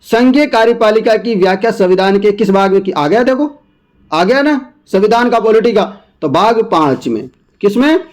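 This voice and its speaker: A man's voice: sits high, lively intonation, normal speed, darkish tone. A man walking through exam questions, chatty, repeating answers and coaxing viewers with asides. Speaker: exam coaching teacher. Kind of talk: exam question walkthrough lesson.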